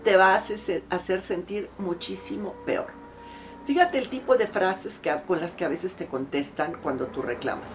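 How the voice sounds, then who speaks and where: A woman's voice: lowish voice, lively intonation, normal speed, soft background music. A middle-aged woman counselor giving relationship advice straight to camera, earnest and emphatic. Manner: earnest and emphatic, acting out quoted clients.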